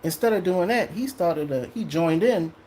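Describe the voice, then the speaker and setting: Speaking straight to the camera, a vlogger of Trinidadian family background in the US loosely and animatedly recounts something that happened to him at a moderate pace. He swears freely, and his voice leaps up high when he imitates other people. A faint hiss lingers behind him.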